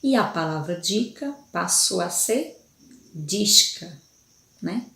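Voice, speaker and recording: Slow, patient woman teacher in echoey room. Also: on the low side, expressive, gravelly. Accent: Brazilian Portuguese. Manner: slow, patient, spells out letters and syllables, frequent check-ins. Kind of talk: online literacy lesson for young children.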